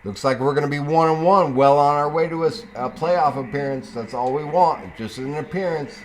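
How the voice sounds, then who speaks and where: A man casually commenting on his own football video game play, chatting to the game and breaking into sudden excited whoops. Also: on the high side, brisk. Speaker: gaming YouTuber.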